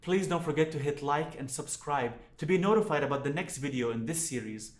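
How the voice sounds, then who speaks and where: A young man born in Iraq, a violinist teaching a music lesson to camera in a clear, explanatory way, recorded on a studio microphone indoors. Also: on the high side, brisk. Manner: clear, explanatory, chants rhythm syllables in time. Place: indoor studio room with plant. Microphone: studio condenser mic on stand.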